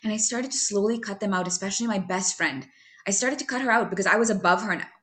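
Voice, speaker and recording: Woman, recovery meeting share, chatty and candid, self-mocking, filler-heavy, mid-pitched voice. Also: fast talker, a bit bright. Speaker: member sharing at a recovery meeting. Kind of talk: personal recovery testimony.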